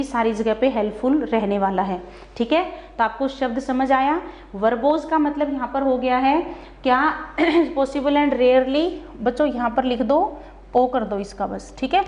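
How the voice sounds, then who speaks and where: A woman's voice: high voice, darkish tone, roomy sound. A woman teacher with a Haryana accent, patiently explaining vocabulary and checking that the class follows. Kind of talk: vocabulary lesson.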